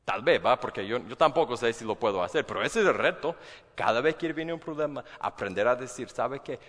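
Animated male preacher in a reverberant hall. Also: medium pitch, fairly quick. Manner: animated, acts out inner voices, repeats words. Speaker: pastor. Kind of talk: sermon.

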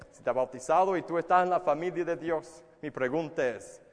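A man preaching a sermon, his voice set somewhat high for a man. He often repeats words and fires off rhetorical questions. His voice carries a long reverb from a church hall. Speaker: pastor.

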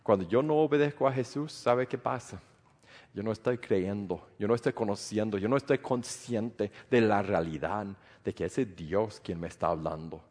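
A man's voice: on the low side, normal speed, a little mellow, in a large hall. A man preaching a sermon as pastor, earnest and full of rhetorical questions.

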